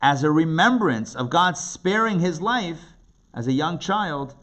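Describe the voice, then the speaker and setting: An unhurried rabbi with a fairly high, expressive, rather bright voice explains commentaries plainly to participants in an indoor class. Emphatic repetition and rhetorical questions shape his interactive lecture. The live recording picks up classroom noise.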